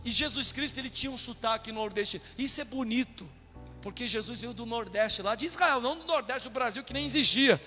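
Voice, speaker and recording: A man from Brazil, a pastor preaching a sermon with animated delivery, acting out quotes in a raised voice. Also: extremely high pitch, fairly quick. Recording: long hall reverb with faint music.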